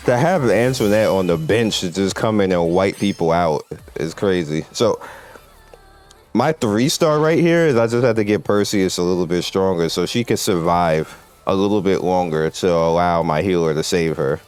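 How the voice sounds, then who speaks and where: A gaming video host gives casual, rambling commentary in a conversational way while video game music plays behind him. His voice is low-pitched and a little mellow, at a normal speed.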